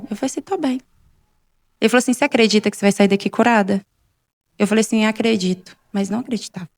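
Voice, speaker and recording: Gravelly-voiced woman telling her testimony. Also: mid-range voice, no room sound, clean studio sound. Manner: retells events with many quoted exchanges in a conversational way. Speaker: guest sharing a faith testimony. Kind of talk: personal testimony storytelling.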